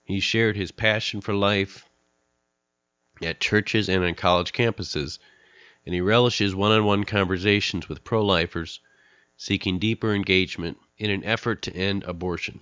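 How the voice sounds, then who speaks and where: Man, middle-aged, podcast host, nasal from a cold, very low voice, smooth, dry close sound. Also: steady tone, bright, forceful tone, no room sound, lo-fi sound. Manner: earnest, candid, pauses with fillers. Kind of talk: podcast monologue introducing a guest.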